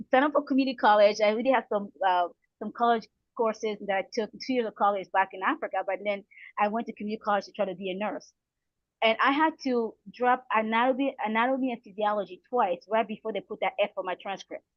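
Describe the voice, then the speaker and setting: On a lo-fi recording with no room sound, a middle-aged Congolese woman from the Republic of the Congo speaks as an interview guest. Her fairly high voice moves a little fast as she gives earnest, encouraging motivational advice, repeating phrases to drive points home. She works as a guest speaker, coach and counselor.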